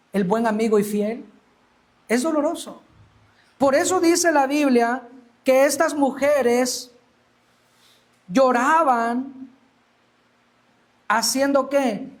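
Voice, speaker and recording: A man's voice: very high voice, slow pace, long pauses. A male preacher delivering an emphatic sermon, acting out the Bible scenes he tells. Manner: emphatic, acts out quoted Bible speech.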